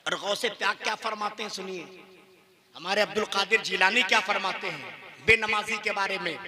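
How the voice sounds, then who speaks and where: A man preaching a fiery religious sermon at a conference, rising to shouts and calling on the crowd to answer back. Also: high-pitched, steady tone, moderate pace. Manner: impassioned, shouting at peaks, calls on the crowd to respond.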